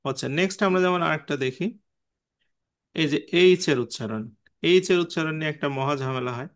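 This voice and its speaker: A man's voice: on the high side, a little fast, clear, resonant tone. A man teaching an online class, patiently explaining and quizzing students by name. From Bangladesh.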